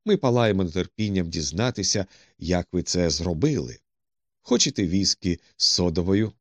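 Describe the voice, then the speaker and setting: A cool, dry-witted detective, voiced by a man, giving terse orders in a low, commanding tone. The reading is close and dry, with no room sound behind it. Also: lively intonation, moderate pace, no room sound.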